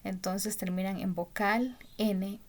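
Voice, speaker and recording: A woman gives a spelling lesson at an unhurried pace. She pauses often, fills the gaps with soft fillers and keeps checking that her listeners follow. Her pitch sits in an ordinary middle range. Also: steady tone, slight background noise. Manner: slow, patient, many pauses and fillers; asks "¿verdad?" to check understanding. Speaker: teacher.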